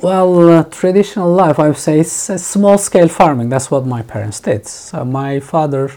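A man from Turkey with a Turkish accent, speaking English as a podcast guest in a relaxed, thoughtful way, often restarting his sentences. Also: a little high, normal speed. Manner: thoughtful, many restarts and fillers. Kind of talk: casual interview chat.

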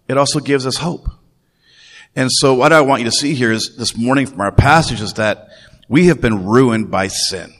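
A male pastor preaches a conversational sermon in church, repeating his phrases and putting questions to the congregation. His mid-range voice has a fairly bright tone, carried by the long reverb of the church hall.

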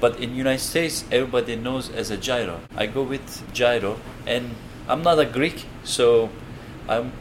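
A man's voice: mid-range voice, moderate pace. A man from Turkey with a Turkish accent, a restaurant owner chatting in an interview. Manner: chatty, explains with small laughs. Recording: noisy location recording.

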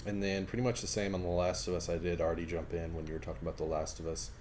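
Deep-voiced man chatting casually. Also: little pitch movement, racing, darkish tone, slight background noise. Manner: frank, enthusiastic, swears casually. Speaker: podcast co-host. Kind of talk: casual gaming chat.

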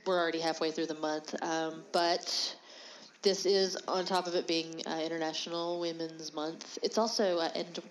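Female podcast host, lowish voice, stuffy nose, frank and conversational, noisy background. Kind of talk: casual solo podcast talk.

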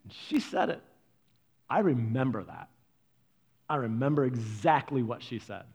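A man preaching a sermon, animated and conversational, acting out quoted voices. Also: measured pace, vocal fry, slightly rough. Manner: animated, acts out quoted voices with big pitch jumps. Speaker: pastor.

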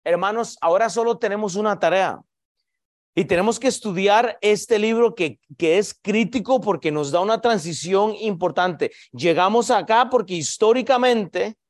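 A man, a pastor, preaching a sermon in a church, addressing the congregation as brothers and sisters, asking questions and answering them himself, with frequent restarts. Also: high-pitched. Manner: preaching with frequent "hermanos" asides and repeated restarts.

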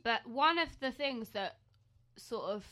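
Young female podcast co-host, bright and high-ish, chatty news banter. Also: lively intonation, slow pace. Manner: chatty, giggly, lots of ums. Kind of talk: casual news chat.

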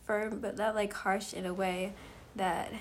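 A woman's voice: mid-range voice, level tone, unhurried. A young woman talking with her mother, hesitant and full of fillers, trailing off into whispers. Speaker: daughter. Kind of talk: casual conversation.

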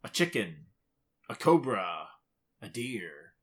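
A man's voice: on the low side, very animated, takes it slowly. A man with a Great Lakes accent from Michigan, chatting casually as a podcast co-host.

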